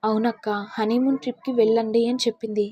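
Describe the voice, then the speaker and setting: A woman voicing a meek, patient young wife who speaks softly and pleadingly. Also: a little high, level tone, quick pace, slightly rough, no echo. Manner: soft, pleading.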